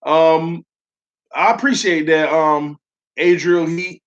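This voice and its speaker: Taking it slowly, a young sports livestream host speaks in a slightly high voice with fairly even intonation, sore from a recent illness. He reads viewer comments loosely, sprinkling in many "um"s and calling people "man" and "y'all," and the stream audio sounds dull and lo-fi.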